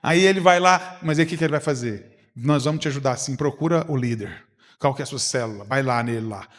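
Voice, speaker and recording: A man's voice: mid-range voice, quick pace. Man preaching in a reverberant hall. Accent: Brazilian Portuguese, Goiás. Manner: conversational preaching, acts out dialogues, frequent rhetorical questions. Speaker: pastor. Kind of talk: sermon at a leaders' retreat. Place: church hall.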